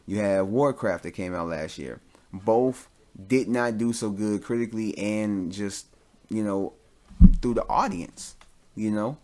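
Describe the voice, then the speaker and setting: A podcast host with a fairly low voice rambles casually through his opinions, thinking aloud in loose, informal language and swearing now and then.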